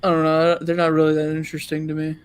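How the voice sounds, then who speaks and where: A man's voice: on the high side, monotone, fast, clear, resonant tone, dry recording. A man chatting casually as a podcast co-host, speaking in slangy, hesitant phrases peppered with "dude". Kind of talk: casual chat.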